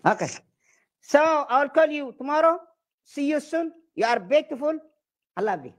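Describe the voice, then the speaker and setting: A man's voice: extremely high pitch, lively intonation, moderate pace. A man with an Eritrean accent speaking broken English, playfully flirting and boasting as a comedian on a video chat. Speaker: comedian prank-chatting.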